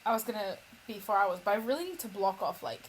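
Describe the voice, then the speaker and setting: A woman's voice: medium pitch, lively intonation, fast, husky, poor audio. A young woman co-hosting a podcast, playful and giggly in casual chat. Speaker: podcast co-host. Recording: faint background noise.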